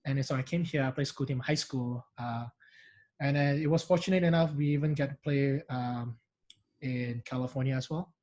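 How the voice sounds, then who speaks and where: A man's voice: medium pitch, steady tone, normal speed, darkish tone, rough recording. A man from Indonesia with a mixed Singaporean and Indonesian accent, chatting animatedly as an interview guest with many restarts. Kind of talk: casual interview chat.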